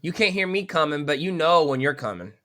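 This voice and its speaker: A man's voice: on the high side, expressive, a little fast, bright, forceful tone. A man co-hosting a podcast, joking and rambling in crude casual chat. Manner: goofy, rambling, jokey. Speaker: podcast co-host.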